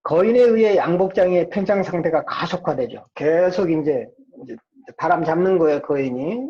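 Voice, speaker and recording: Informally lecturing as a psychology professor, this man speaks in a fairly high, animated voice at a moderate pace. He keeps posing rhetorical questions and then answering them himself. The recording is lo-fi, dull and muffled.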